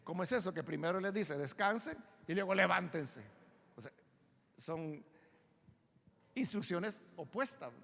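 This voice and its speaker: A man's voice: sits high, creaky, fairly bright tone, long reverb tail. A Salvadoran pastor teaching a Bible study sermon in a church. He explains emphatically and often asks listeners to agree. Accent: Salvadoran Spanish.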